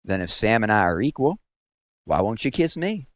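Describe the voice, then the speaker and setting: Man playing a slow-drawling, leering drunk sheriff. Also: on the low side, big pitch swings, no room sound. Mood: smug, menacing. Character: drunk, leering small-town sheriff with menacing ease.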